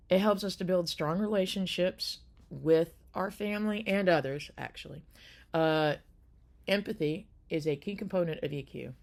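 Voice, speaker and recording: A woman's voice: low-pitched, gravelly. A woman hosting a caregiving channel, talking casually to the camera in a loose, rambling way with many fillers and restarts.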